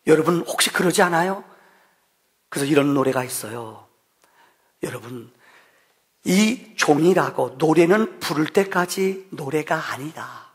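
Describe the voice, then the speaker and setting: Animated man preaching in a reverberant church. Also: a little high, a little slow, pauses often. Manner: lively storytelling with sudden loud and soft swings; acts out quoted voices of his son. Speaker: pastor. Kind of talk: Thanksgiving sermon. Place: church sanctuary. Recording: long hall reverb.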